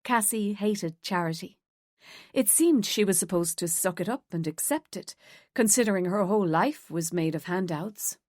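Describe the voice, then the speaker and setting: A woman reading an audiobook thriller in a steady, measured way. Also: mid-range voice, no echo, studio quality. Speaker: audiobook narrator. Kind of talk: scripted narration.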